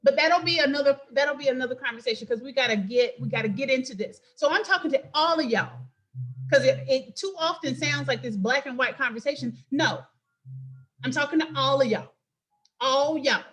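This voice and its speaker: A woman hosting an impassioned political talk, emphatic and preachy, with quick asides. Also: high voice, fairly bright tone. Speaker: host and political commentator.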